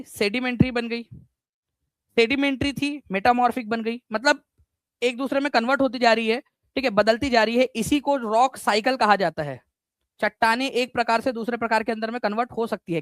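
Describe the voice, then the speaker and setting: A man teaches a live exam-prep class online with lots of energy and repetition, testing his students and using some English words. His voice is very high, and the audio has no echo.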